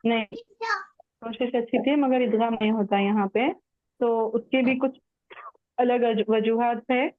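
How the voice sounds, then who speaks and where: Woman, Quran recitation teacher, online class, slow patient explanations, chanted verses, dry, tinny phone-like audio. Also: on the high side, steady tone, no echo. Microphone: online call audio.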